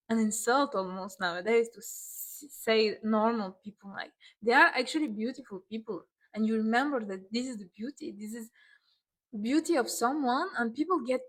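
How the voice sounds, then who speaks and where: A woman speaking in a casual advice vlog, earnest and direct, with non-native English phrasing. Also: fairly high pitch. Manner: earnest, direct, encouraging, repeats her points. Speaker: beauty and self-image content creator.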